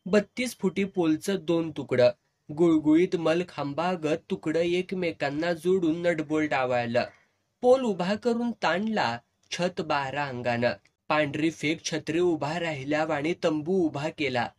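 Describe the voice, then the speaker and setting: A man's voice: on the high side, a little slow, darkish tone. A man reading a serialized novel aloud, telling it in the first person in dialect. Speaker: storyteller.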